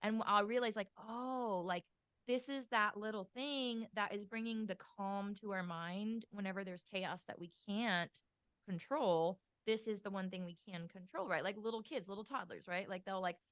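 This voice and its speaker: A woman in her thirties hosting a casual podcast. She talks in a loose, chatty way, peppered with fillers and quick laughs. Her voice sits dry and close to the mic. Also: mid-range voice, fairly bright tone, smooth, dry recording. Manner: chatty, lots of "like", laughs easily. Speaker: podcast host.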